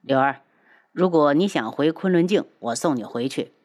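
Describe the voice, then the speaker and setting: 一位女性朗读者压低嗓音演绎一位沉稳温和的男医者。. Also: female voice, low voice, lively intonation, moderate pace, a little mellow, pitched below the performer's own voice. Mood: calm. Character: calm male healer.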